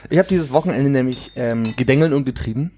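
A man's voice: medium pitch, fast talker, background noise. A man chatting casually while cooking with friends, telling a rambling, playful story.

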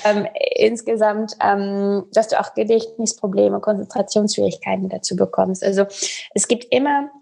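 This woman is a health coach explaining things conversationally on a podcast, in German learned as a second language. Her husky, gravelly voice sits at a medium pitch, with fairly even intonation and a warm tone. She stops and starts while searching for words, with non-native grammatical patterns.

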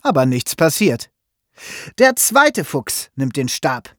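Slow, expressive male storyteller. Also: on the high side, no room sound, studio quality. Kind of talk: children's story narration.

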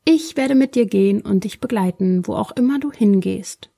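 A frail, half-starved queen quietly promises to follow her king anywhere as a woman reads her part. The voice is mellow and breathy, hushed and devoted, like a storybook read aloud. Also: medium pitch, normal speed, no echo, clean studio sound. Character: frail, starved, loyal first wife of a king.

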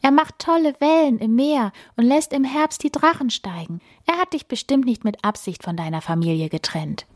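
A woman voicing a kind, cheerful young girl in a children's story, reassuring and bright. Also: high voice, lively intonation, normal speed, few pauses, no echo, studio quality, pitched above the performer's own voice. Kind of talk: bedtime story voice.

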